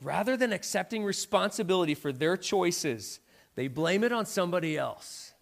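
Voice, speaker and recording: A man's voice: sits high, lively intonation, moderate pace, gravelly. A middle-aged man preaching a sermon in a conversational way, often checking in with "right?". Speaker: pastor.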